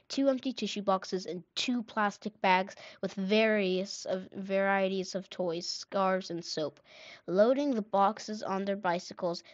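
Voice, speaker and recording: A woman reading a children's mission story in a clear, measured narration. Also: mid-range voice, a little mellow, dry recording. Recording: dull, dry recording.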